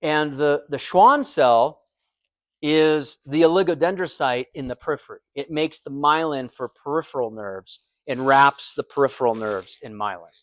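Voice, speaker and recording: Man, American accent, relaxed lecture, asks students questions, dry recording. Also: mid-range voice, normal speed, dry recording. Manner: conversational, explains with everyday comparisons and check-in questions. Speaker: anatomy and physiology instructor.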